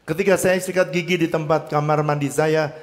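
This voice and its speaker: Man, pastor, sermon, fairly high voice, animated, long hall echo. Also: normal speed. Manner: animated storytelling, swinging between loud and soft.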